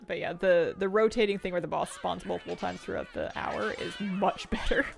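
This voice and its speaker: A woman streams a game and chats casually, rambling and thinking aloud in conversational commentary. Her voice is fairly low and fairly quick with vocal fry, while video game music and sounds play behind her.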